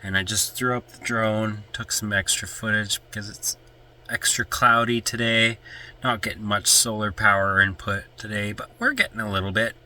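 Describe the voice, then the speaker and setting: A Canadian man vlogging his van life travels chats to camera with a stuffy, congested nose, rambling and easily sidetracked. His voice is fairly low, with fairly even intonation, normal speed and a bright, forceful tone.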